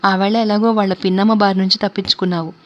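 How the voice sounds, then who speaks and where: A woman's voice: mid-range voice, fairly even intonation, quick pace, close to an everyday voice. A woman voicing a proud, indignant young idealist who speaks bluntly, in a storybook reading. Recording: dull lo-fi recording.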